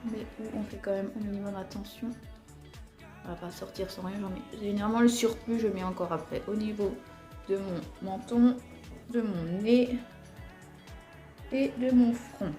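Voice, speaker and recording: A woman's voice: medium pitch, steady tone, moderate pace, long pauses, over music. Chatty Alsatian woman in echoey room. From Alsace, France. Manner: chatty, frequent fillers, talks while applying makeup. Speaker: beauty vlogger. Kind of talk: casual makeup tutorial.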